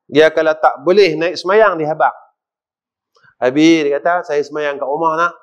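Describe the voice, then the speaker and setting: A middle-aged man with a northern Malaysian accent giving a mosque lecture, asking the audience questions and swinging between loud and quiet. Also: on the high side, normal speed. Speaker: religious teacher. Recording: dull lo-fi recording.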